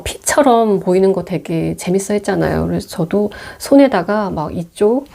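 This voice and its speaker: Middle-aged female storyteller recapping a film, casual and chatty, mellow low-key timbre. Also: vocal fry. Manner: chatty, many fillers, acts out quotes. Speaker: movie mentor retelling films. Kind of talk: audio film retelling.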